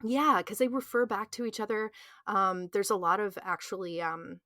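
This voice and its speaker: A woman's voice: medium pitch, steady tone, moderate pace, sharp tone, no echo, clean studio sound. A woman co-hosting a podcast in casual, enthusiastic chat, with lots of "like" and "um". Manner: enthusiastic, chatty, filler-heavy. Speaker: podcast co-host.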